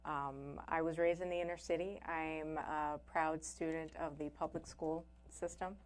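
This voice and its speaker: A woman's voice: low voice, little pitch movement, a little slow. A woman attorney, a native Spanish speaker, speaking as an interview guest, polite with frequent fillers. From Puerto Rico, raised in Miami.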